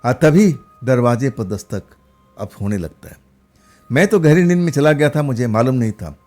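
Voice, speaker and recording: A man's voice: mid-range voice, lively intonation, normal speed, darkish tone, soft background music. A man narrating a first-person horror story in a loose, rambling way, with fillers and restarts.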